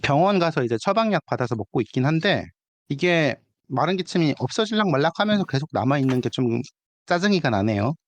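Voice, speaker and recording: A man's voice: on the high side, big pitch swings, a little fast. A man co-hosting a podcast while getting over a cold, with a lingering dry cough. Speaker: podcast co-host. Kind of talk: casual podcast chat.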